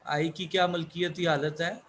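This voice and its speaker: A man whose first language is Urdu, giving a slow English lesson, asking questions and answering them himself. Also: a little high, flat delivery, a bit bright, a little hiss or hum. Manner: asks questions then answers them, repeats words. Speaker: English teacher.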